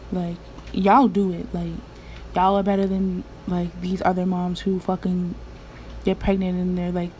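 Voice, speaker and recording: A woman's voice: lowish voice, mellow, a little hiss or hum. A woman hosting a reaction video, chatting in slangy, profane talk full of fillers, sounding tired after a nap. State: tired, just woke from a nap. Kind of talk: casual reaction commentary.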